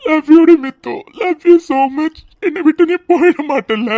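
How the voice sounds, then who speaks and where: Woman doing a loving young husband in a cartoon, high-ish voice, pleading and soft, super dry close sound. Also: unhurried, no echo. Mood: tearful tender. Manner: pleading, tender, emotional. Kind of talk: tearful cartoon drama voice acting.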